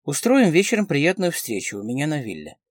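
A man voicing a suave fortyish baritone charmer. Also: huge pitch swings, brisk, no echo. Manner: smooth, ingratiating, confident.

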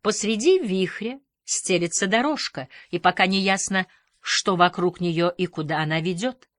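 A woman reading a literary novel aloud in a measured, reflective audiobook style. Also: fairly low pitch, dry recording. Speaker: audiobook reader.

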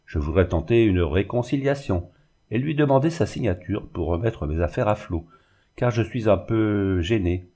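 A man's voice: on the low side, expressive, moderate pace, dark tone. A man reading the part of a bitter, sarcastic middle-aged glassmaker in a storybook reading. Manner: sarcastic and sneering.

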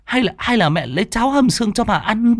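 Man doing a high, anxious mother, stammering, fussing. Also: lively intonation, quick pace, dry recording, clean studio sound. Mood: worried.

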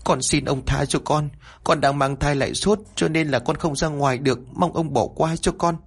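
Man putting on a frightened young woman, pleading, tearful, raised pitch, storybook. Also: fairly even intonation, moderate pace, slightly rough.

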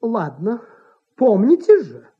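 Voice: mid-range voice, huge pitch swings, slow pace, slightly rough, voice pushed up, exaggerated voice. A performer voicing an indignant woman stage actress who shrieks and threatens through tears, in a dull old radio recording. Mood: relenting. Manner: shrieking, threatening, tearful outbursts. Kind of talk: 1950s staged story reading.

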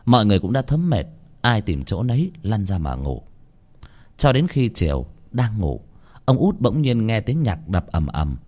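A man tells a ghost story with expressive delivery. His voice is fairly low but moves a lot in pitch. He sounds engaged in the tale. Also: normal speed.

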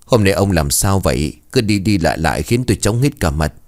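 Shrill, domineering middle-aged wife, played by a male narrator, loud and lively. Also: fairly quick. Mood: scolding. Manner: wailing, scolding.

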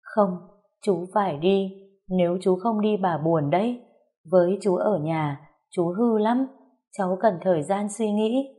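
A woman's voice: medium pitch, a little slow, warm tone, close to an everyday voice. A woman reading aloud and voicing a seventeen-year-old girl who is tearful and reproachful. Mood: firm.

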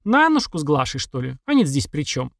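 A man voicing a blunt, sharp-tongued young woman in an audiobook reading. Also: very animated, quick pace, vocal fry, dry recording, studio quality. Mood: edgy. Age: young adult. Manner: raised pitch for the girl.

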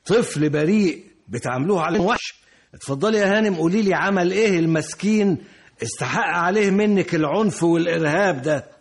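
An actor playing a firm police officer questioning a family, with an Egyptian accent, in a radio drama. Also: male voice, high voice, a little fast, slightly rough. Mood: stern. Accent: Egyptian Arabic. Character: police officer, stern and shocked interrogator.

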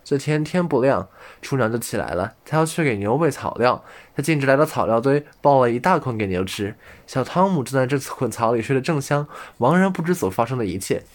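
A man's voice: medium pitch, expressive, brisk, hardly any pauses. Man reading a fairy tale. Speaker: audiobook reader.

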